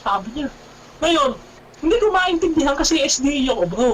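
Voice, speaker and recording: A man giving an animated personal testimony as a radio guest, often calling the host "bro" and repeating himself. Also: extremely high pitch, brisk, slight background noise, poor audio. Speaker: guest telling his conversion story.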